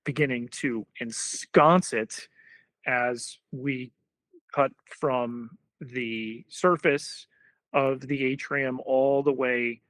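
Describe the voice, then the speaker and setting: A man co-hosting a podcast, talking in a halting way with many pauses and fillers. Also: medium pitch, fairly bright tone, no echo. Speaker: podcast co-host. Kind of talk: casual podcast discussion.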